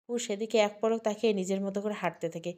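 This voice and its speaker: Woman narrator for an emotional audio story, mellow and warm. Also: mid-range voice, fairly even intonation, quick pace.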